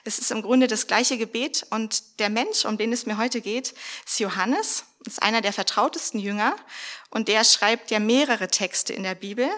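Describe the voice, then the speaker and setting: A woman's voice: a little high, a bit bright. A woman preaching a sermon to her congregation, reading Bible verses aloud and speaking earnestly and directly to her listeners. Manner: earnest, addresses congregation directly, slows for scripture.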